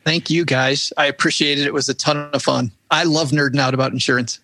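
Bright, gravelly man as podcast guest. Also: medium pitch, fairly even intonation, brisk, dry recording. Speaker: podcast guest, a show host himself. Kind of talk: casual joking chat.

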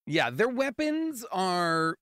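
Animated higher-voiced man on a podcast. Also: slow, no room sound, studio quality. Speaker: podcast panelist. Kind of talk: casual, animated commentary chat.

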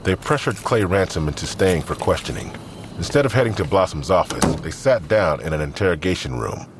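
A low-voiced man narrates a scripted crime drama, his pitch rising and falling expressively as the story unfolds. He is very animated and a little fast, with faint ambience and background noise behind him.

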